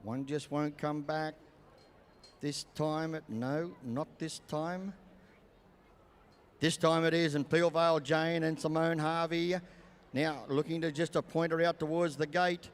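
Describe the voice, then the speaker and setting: Crisp high-pitched Australian showman announcer, echoing arena. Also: steady tone. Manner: folksy showman, drawn-out phrasing. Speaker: campdraft commentator and announcer. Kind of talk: live arena commentary over a PA. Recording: echoing arena PA, long reverb.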